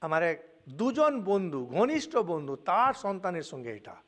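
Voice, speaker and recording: Animated high-voiced Bengali monk lecturing. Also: male voice, normal speed. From India. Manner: animated storytelling, mixing English words into Bengali. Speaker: monk and spiritual teacher. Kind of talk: spiritual lecture.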